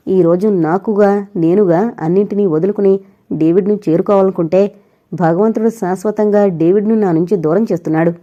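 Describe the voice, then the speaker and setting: A woman's voice: mid-range voice, warm tone, highs cut off, natural voice. A woman voicing a young married woman who pleads and weeps over her dying lover, in a storybook reading. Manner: tearful, pleading.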